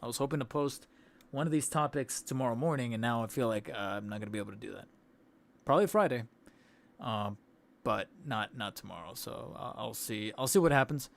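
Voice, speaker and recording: Speaking briskly in a creaky, mid-range voice, a toy channel host closes out his livestream with casual, rambling chat. The young man is losing his voice, cutting himself off and laughing between thoughts, picked up by a studio desk mic.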